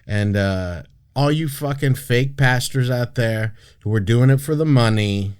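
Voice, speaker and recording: A man hosts a podcast in a loose, rambling way. He swears freely, restarts his sentences and fills gaps with "uh" and "you know". His voice sits at an ordinary middle pitch for a man. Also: measured pace, darkish tone, smooth. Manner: brash, profane, rambling with frequent restarts. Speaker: podcast host. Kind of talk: casual podcast chat.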